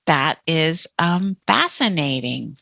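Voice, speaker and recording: A woman hosting an interview, effusive and quick to laugh. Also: low voice, very animated, gravelly, rough recording. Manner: warm and effusive, laughs often. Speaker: podcast host. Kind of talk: casual interview.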